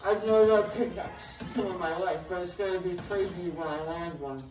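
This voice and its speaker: A young man, loopy and rambling after wisdom teeth removal, chatting excitably and repeating himself while playing a video game. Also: sits high, a little fast, music in the background. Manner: excitable, repetitive, protesting. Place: carpeted game room at home. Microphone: phone camera across the room. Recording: echoey, noisy room, far from mic.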